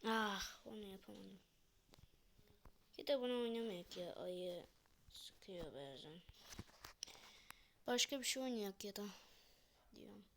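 A woman's voice: medium pitch, expressive, takes it slowly, vocal fry, long pauses, a little hiss or hum. A young woman chatting casually to viewers while she plays a game, muttering to herself between lines. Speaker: gamer vlogger. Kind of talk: casual gameplay commentary.

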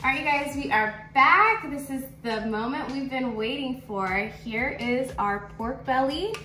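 Woman, cooking vlog host, excited chatter, roomy kitchen sound. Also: high voice, moderate pace. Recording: roomy room with background music.

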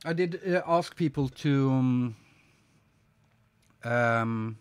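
With a clean, mid-range voice, an artist in his forties chats on his live stream while drawing indoors at his home studio desk, reading viewers' messages aloud. A slight cold keeps him sniffling, and his speech is slow, reflective and hesitant, packed with ums and uhs.

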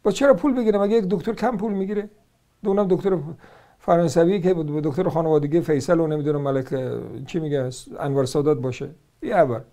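This is a man with an Iranian Persian accent delivering argumentative religious commentary. His voice sits notably high, and he moves through his points with sarcasm and combative rhetorical questions. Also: fairly even intonation, dark tone.

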